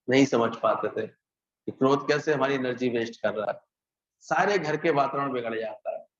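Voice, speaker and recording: A man giving a spiritual discourse, talking conversationally, asking rhetorical questions and acting out loud and hushed voices. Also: medium pitch. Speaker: spiritual teacher. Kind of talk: Hindi satsang discourse. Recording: echoey, dull lo-fi hall recording.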